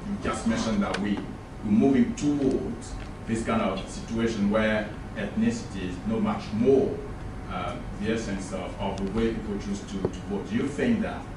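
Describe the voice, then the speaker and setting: A man with an Ivorian accent putting a formal question from the floor in a halting, hesitant way. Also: fairly low pitch, steady tone. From Côte d'Ivoire. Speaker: audience member asking questions. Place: echoey room at a public talk. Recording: very echoey, distant, noisy room pickup.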